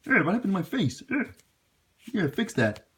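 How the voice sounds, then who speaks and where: Brief: man doing a wisecracking male frog puppet, higher voice, sassy and playful. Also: sing-song, moderate pace, fairly bright tone, slightly rough, full character voice. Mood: cheeky. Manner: sassy, joking, bargains and teases.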